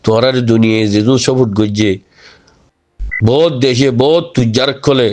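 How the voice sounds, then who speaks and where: A man's voice: medium pitch, normal speed, darkish tone. Rohingya-accented man making an informal, exhorting address. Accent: Rohingya, close to Chittagonian. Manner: exhorting, with repeated rhetorical check questions. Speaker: speaker addressing his community.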